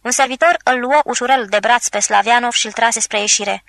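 A woman narrating a literary audiobook with a measured, expressive reading. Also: on the high side, vocal fry, dry recording, poor audio.

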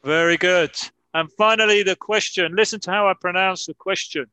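A man teaching English grammar in Spanish to students on a video call, slowly repeating example sentences to model pronunciation. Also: sits high, fairly even intonation, pushed and bright, clear, resonant tone, dry recording. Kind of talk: online class explaining grammar.

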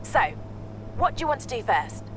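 A woman's voice: high voice, very animated, a little slow, fairly bright tone, a little hiss or hum, exaggerated voice, poor audio. A woman voicing an upbeat, encouraging event organizer in a racing video game.

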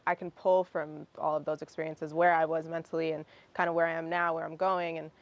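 Interviewed outdoors on a terrace by a garden, a young guest singer whose first language is Russian replies casually, often starting sentences over and laughing between phrases. She speaks fairly quickly in a deep, level voice, with no room sound and the highs cut off.

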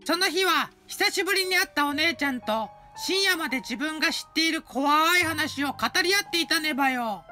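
A woman's voice: sits high, lively intonation, fairly quick, few pauses, sharp tone. A woman voicing a cheerful cutesy mascot who narrates short stories and tacks a cute verbal tic onto every sentence. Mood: upbeat. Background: light background music.

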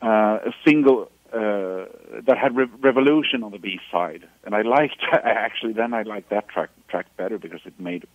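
A man from Sweden in his fifties, a musician being interviewed on the radio, talking hesitantly and restarting phrases as he warms up about records. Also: fairly low pitch, moderate pace, hardly any pauses, no echo, phone-quality sound. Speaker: musician guest. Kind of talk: radio interview over the phone.

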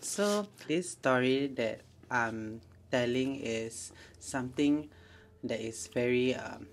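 A woman's voice: rumbling low, slow pace, a little hiss or hum. A Singaporean woman telling a story in casual chat while eating, rambling with many fillers. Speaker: co-host and storyteller.

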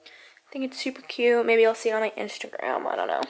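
A woman's voice: a little high, sing-song, a little fast, vocal fry, faint music behind. A young woman in her twenties, chatting casually to camera in a lifestyle vlog, bubbly and full of "like" fillers. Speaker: beauty and lifestyle vlogger.

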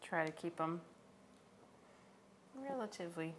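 A woman's voice: fairly low pitch, measured pace, a little hiss or hum. A young woman guest cook in a home kitchen, walking through a recipe step by step, plain and matter-of-fact with small laughs. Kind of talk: casual cooking demonstration.

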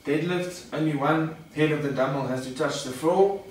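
Coaching a workout demo in a garage home gym, a young man speaks casually and instructively, addressing viewers as "guys." His voice is a little high and at normal speed. Captured by a camera a few metres off, the audio echoes, sounds distant and carries faint noise.

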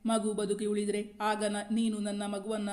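A woman's voice: medium pitch, monotone, unhurried, darkish tone, natural voice. A woman reading an anxious young wife. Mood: fearful.

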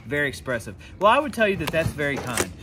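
A man's voice: fairly high pitch, quick pace. A man, chatting casually to camera while unboxing finds outdoors at storage units. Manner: chatty, animated, jokey asides. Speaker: storage unit vlogger. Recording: outdoor recording with clear background noise.

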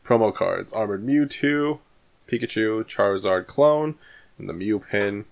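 A man's voice: on the low side, expressive, unhurried, creaky. A man in his thirties hosting a card collecting vlog, chatting casually with many fillers and restarts, in a small room at home on a studio microphone. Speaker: card collecting channel host. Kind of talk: casual vlog and pack opening. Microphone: studio microphone on arm in front of him.

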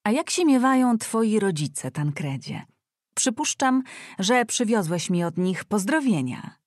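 A woman reading an audiobook voices a fussy, grumbling widowed aunt who exclaims and scolds loudly. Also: medium pitch, big pitch swings, unhurried, no echo, studio quality, voice pushed up.

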